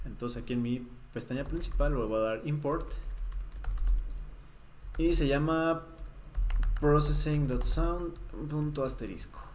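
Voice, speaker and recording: A man's voice: a little high, a little slow, long pauses. A young man teaching a coding lesson, talking through each step as he types at his desk. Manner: relaxed, thinking aloud while typing code. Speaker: programming tutor. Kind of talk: screen-recorded coding tutorial. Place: small room at a desk, webcam. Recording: roomy echo, faint noise.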